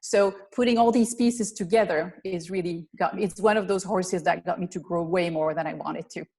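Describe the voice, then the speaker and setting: A woman's voice: lowish voice, moderate pace, darkish tone. Belgian woman explaining on a webinar. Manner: earnest, explanatory, slightly non-native phrasing. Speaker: guest presenter, physical therapist.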